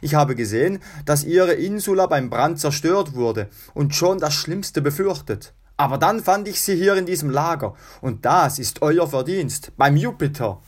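A man's voice: fairly high pitch, expressive, normal speed, few pauses. A man voicing an outspoken middle-aged Roman guard tribune, speaking with raised emphasis.

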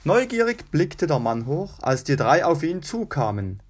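A man narrating a children's adventure audiobook in a steady, even storytelling voice. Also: fairly high pitch, unhurried.

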